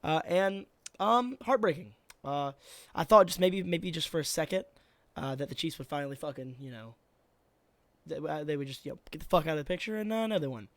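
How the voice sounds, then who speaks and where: Young male co-host, tired, slightly high and gravelly, fast-talking, rambling and profane, dry close sound. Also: animated, dry recording. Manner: rambling, swears a lot, fillers. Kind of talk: casual chat.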